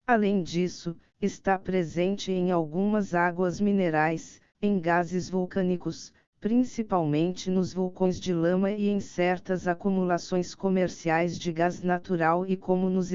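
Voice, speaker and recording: Clear, smooth low-pitched woman narrator. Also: darkish tone, no room sound, muffled recording. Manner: measured, formal reading. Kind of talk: scripted audiobook narration of an encyclopedic article.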